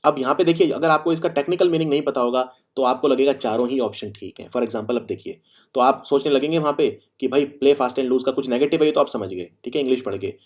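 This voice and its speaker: A man with a medium-pitched voice gives a Hindi-English vocabulary lesson. He explains each word through everyday examples, repeats key phrases, and reads the example sentences slowly and deliberately.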